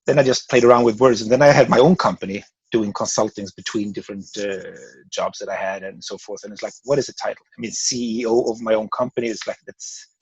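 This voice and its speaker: A man in his forties from Sweden, speaking with a Swedish accent, guests on a podcast for casual interview chat, rambling and restarting words often. His lowish, husky voice runs at a quick pace with few pauses. The recording is low quality, with no room sound.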